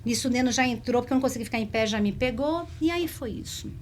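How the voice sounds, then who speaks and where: A woman telling a personal story in a conversation, in a lively, emotional way. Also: on the high side, quick pace, slight background noise. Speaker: spiritist speaker.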